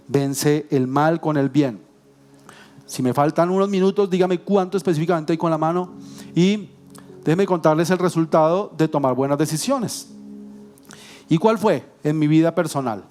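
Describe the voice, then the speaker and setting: A middle-aged pastor with a notably high voice preaches in church, weaving lively, self-mocking anecdotes into his sermon. He corrects himself mid-sentence and drops in quick jokes, and soft music sits faintly underneath. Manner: animated, humorous storytelling with self-corrections and jokes. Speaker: guest pastor. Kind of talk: sermon with personal storytelling.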